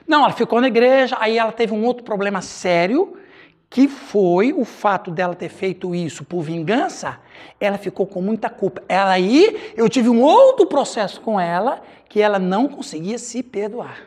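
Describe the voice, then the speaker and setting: Animated high-voiced Brazilian pastor. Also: male voice, normal speed. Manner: animated, laughing, acts out dialogue. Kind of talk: storytelling during a Bible study.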